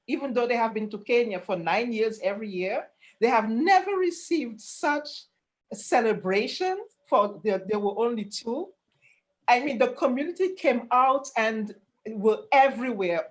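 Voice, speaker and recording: Female panelist, highish pitch, halting conversational delivery with emphatic repeats, online call. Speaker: panelist presenting a rural tourism programme.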